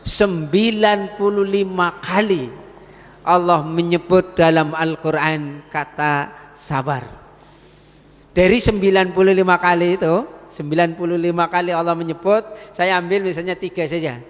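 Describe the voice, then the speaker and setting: A male preacher, giving a mosque sermon to the congregation and slowly chanting Quranic verses. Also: high voice, steady tone. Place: mosque hall. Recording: long reverb of a mosque hall.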